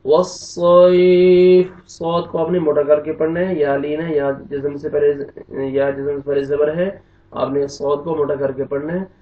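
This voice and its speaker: A man teaching Quran recitation, spelling out letters and vowel marks, then reciting slowly with long drawn-out notes, in a Pakistani Urdu accent. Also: fairly high pitch, little pitch movement. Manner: slow drawn-out recitation alternating with brisk explanation. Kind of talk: tajweed lesson, spelling out and reciting. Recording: roomy, distant, dull lo-fi sound.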